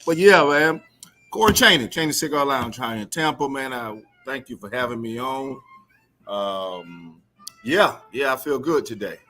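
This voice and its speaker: Male guest, sharp bright voice, relaxed informal talk, music playing behind. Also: medium pitch, measured pace. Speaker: guest, cigar lounge owner. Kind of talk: casual chat.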